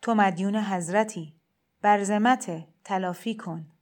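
A woman voicing a gentle, persuasive male shrine cleric in a storybook reading, speaking in a heavy, soft, kindly insistent way. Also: medium pitch, natural voice. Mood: coaxing.

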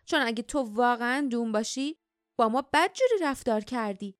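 A woman's voice: on the high side, clean tone, dry recording, clean studio sound, natural voice. A woman doing a blunt, wary wild girl. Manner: blunt, quick.

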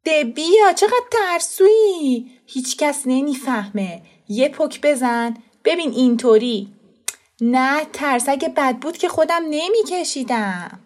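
A woman voicing a bratty, boastful little boy who bosses others around in a taunting, shouty way. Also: sits high, animated, voice pushed up. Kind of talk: audiobook character voice.

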